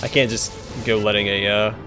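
A man's voice: on the low side, little pitch movement, fairly quick. A man hosting a let's play, talking casually through his game as he goes. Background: game music.

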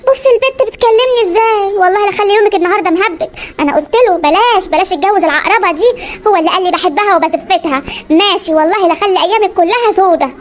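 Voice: very high voice, rapid-fire, slight background noise. A voice actor playing a scheming, spiteful middle-aged mother-in-law in a comic cartoon, speaking with an Egyptian Arabic accent and muttering nagging, plotting asides.

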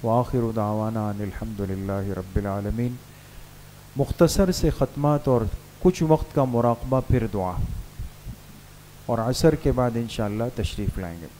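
A man's voice: a little slow, warm tone, slight background noise. A man, a mufti giving a jovial sermon to madrasa students in a mosque. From Pakistan. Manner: jovial, asks students to raise hands, then leads recitations in a low murmur. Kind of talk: sermon and guided supplication.

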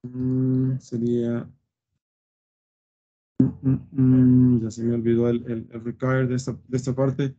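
Man, teacher, live coding lesson, mellow voice, muffled lo-fi recording. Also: medium pitch, monotone, slow pace, long pauses. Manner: thinks aloud with fillers and frequent "¿sí?" checks. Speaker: web design teacher. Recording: dull lo-fi screen recording.

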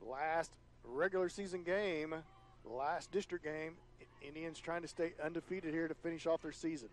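A man calling high school football play-by-play on the radio, his voice climbing higher and louder on big plays. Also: fairly even intonation, moderate pace, slight background noise. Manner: rises in pitch and volume on big plays. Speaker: play-by-play announcer.

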